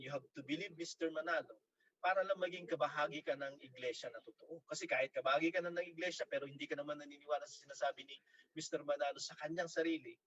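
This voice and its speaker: Male preacher, Filipino accent, slightly high husky voice, muffled distant recording, conversational Bible teaching. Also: fairly bright tone. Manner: mixes English phrases, frequent "di ba?" asides. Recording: distant mic, muffled lo-fi sound.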